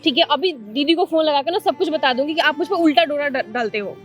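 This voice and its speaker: A woman's voice: sits high, expressive, fast, soft background music. A woman playing a scheming young sister-in-law who keeps pressing and threatening in an amateur skit. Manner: insistent, threatening.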